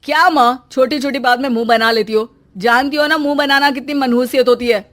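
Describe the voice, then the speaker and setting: A woman's voice: sits high, steady tone, brisk, fairly bright tone. A woman voicing a spoiled, careless young husband in a cartoon story, dismissive and whiny.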